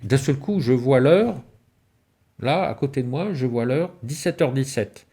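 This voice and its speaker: Speaking at medium pitch, a little slowly, this man sounds mellow and husky with lively intonation. His spiritual lecture on alchemy and symbolism unfolds through stories and rhetorical questions, punctuated by sudden vocal rises and falls.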